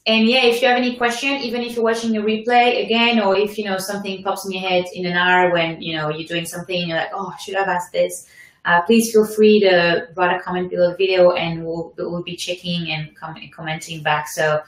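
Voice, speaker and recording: French-accented woman host, low-ish voice, chatty and encouraging, live webinar, roomy echo. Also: level tone, a little fast. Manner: chatty, encouraging, many fillers.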